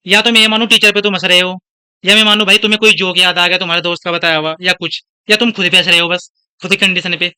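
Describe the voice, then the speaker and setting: A young man from India lectures his class in a high voice with a very bright edge. His tone is clear and smooth as he chats, scolds and tells stories about himself between points. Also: little pitch movement, fast talker. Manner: scolding, chatty, switches between lecture and anecdotes. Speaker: teacher.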